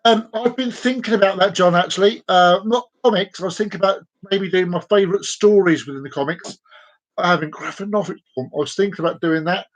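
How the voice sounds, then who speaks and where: With a high-sitting voice and a slightly fast pace, this forties-aged live-stream host chats straight to his audience. His talk is loose, casual and rambling, full of playful repetition.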